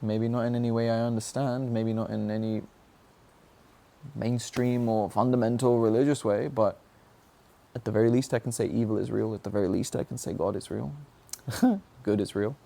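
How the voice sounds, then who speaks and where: A young adult man with a steady, warm, gravelly mid-range voice talks at normal speed about his personal struggles. His reflective motivational monologue is earnest and searching, and he often stops to ask himself questions.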